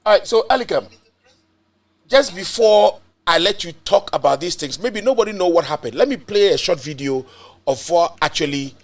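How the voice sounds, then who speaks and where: Excitable Ghanaian man hosting a live show. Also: high voice, moderate pace, dry recording. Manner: excitable, repetitive, swings between loud and soft. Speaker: host of online political show. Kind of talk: animated political talk and live interview.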